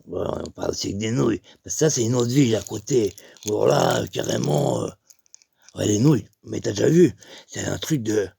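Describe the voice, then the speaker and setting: A man telling an absurd comic story as a rambling monologue, halting and full of fillers. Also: fairly low pitch, lively intonation, mellow, dry recording. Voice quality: gravelly, husky. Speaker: comedian.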